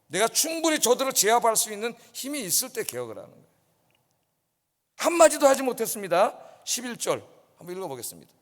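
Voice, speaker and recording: Male pastor, lively high voice, sermon in a reverberant sanctuary, keeps asking the congregation "yes?". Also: fast talker. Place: church sanctuary. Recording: long reverb in a church hall.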